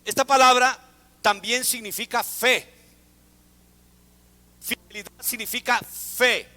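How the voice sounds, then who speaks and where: A man's voice: high voice, bright, forceful tone, big-room sound. A man preaching a sermon to a congregation, asking them to repeat words after him. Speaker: pastor. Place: church.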